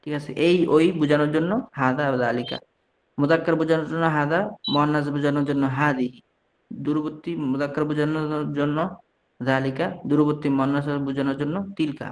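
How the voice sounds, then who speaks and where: A man's voice: a little high, level tone, fast talker. Patient man drilling phrases in class. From Bangladesh. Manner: patient drilling, reads each phrase then translates it; frequent restarts and mid-word corrections. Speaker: Arabic teacher. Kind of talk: online class lesson.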